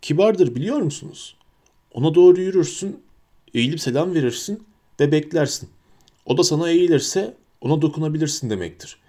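A man voicing a huge, cheerful and kindly male gamekeeper with a booming, hearty way of talking. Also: lively intonation, brisk, dark tone.

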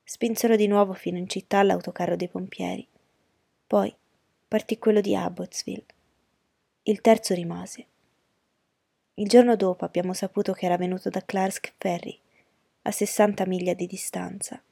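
Woman reading a story, dark and gravelly. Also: mid-range voice, moderate pace, pauses often, no echo. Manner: steady, even storytelling. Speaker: narrator. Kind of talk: audiobook reading.

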